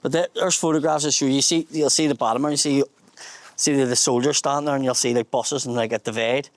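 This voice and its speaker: A man's voice: mid-range voice, steady tone, quick pace, no echo. A man with a Belfast accent leads a casual outdoor tour, holding a small handheld mic. He tells local history bluntly and swears freely. The sound is dry and close. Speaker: tour guide and comedian host. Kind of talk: casual guided tour chat. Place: outdoors at a memorial garden in a housing estate.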